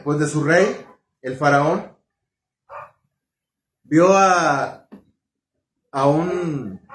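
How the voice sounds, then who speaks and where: Male preacher, sermon delivery, slightly high voice, halting, roomy echo. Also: a bit bright, a little hiss or hum. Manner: unhurried, halting, with fillers and self-corrections.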